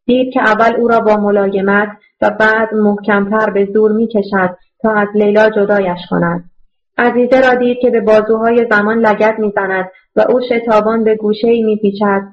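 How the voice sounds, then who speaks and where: A woman narrating an audiobook in a steady, measured reading voice. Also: mid-range voice, dull audio. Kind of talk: scripted narration.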